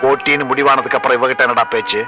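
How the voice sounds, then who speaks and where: A man's voice: medium pitch, steady tone, very fast, over music, natural voice. An actor playing a threatening rival man who sneers and bullies, in a 1980s film drama. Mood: menacing. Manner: menacing, sneering taunts. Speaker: rival troupe leader. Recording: dull lo-fi film soundtrack.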